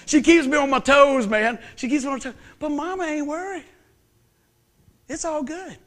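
A man preaching a sermon, swinging from hushed lines to shouted ones. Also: very high voice, moderate pace. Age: 50s. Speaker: pastor.

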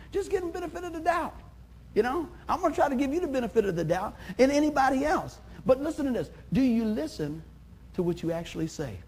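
A middle-aged man, a pastor, preaching a sermon in a chatty, animated way, acting out quotes and laughing at himself. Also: on the high side, slight background noise.

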